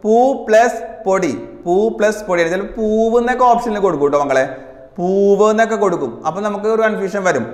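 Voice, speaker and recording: A high-voiced man teaching an exam prep grammar lesson. He repeats each answer slowly and talks to his students as children. The room echoes, with a long reverb tail. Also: animated.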